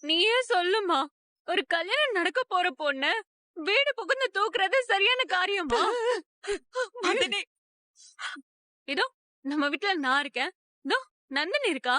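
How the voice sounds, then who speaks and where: A woman's voice: extremely high pitch, sing-song, a little slow, pauses often, pushed and bright, dry recording, exaggerated voice. A reproachful family woman. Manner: reproachful, pleading. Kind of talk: dubbed TV serial dialogue.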